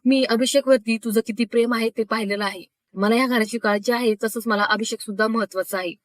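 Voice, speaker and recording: A woman's voice: on the high side, fairly even intonation, fairly quick, no room sound, close to an everyday voice. A woman voicing a protective elder brother, serious and caring, giving earnest advice.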